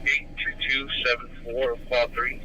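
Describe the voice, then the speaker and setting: A man's voice: medium pitch, flat delivery, sharp tone. Muffled police radio voice of a man. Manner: clipped, matter-of-fact, with halting fillers. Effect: police radio transmission. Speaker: police officer. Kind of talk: radio traffic. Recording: muffled scanner radio with hiss.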